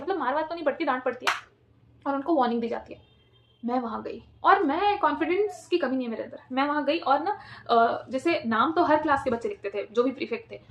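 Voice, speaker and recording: Young woman, high pitched, casual storytime vlog, Hindi-English mix, animated. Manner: animated, mixing Hindi and English, acting out quotes.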